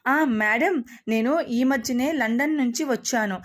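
A woman voicing a charming, smooth-talking young man who flatters eagerly. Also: high-pitched, measured pace. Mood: nervous.

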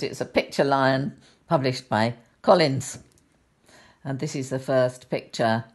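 An older woman reading a picture book aloud to young children in a sweet, gentle grandmotherly way, with chatty asides. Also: rumbling low.

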